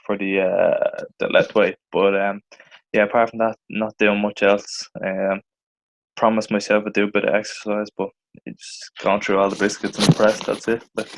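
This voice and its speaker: A man's voice: on the low side, little pitch movement, moderate pace, slight background noise, poor audio. A man co-hosting a casual sports podcast, talking in a laid-back way with dry jokes. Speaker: podcast co-host.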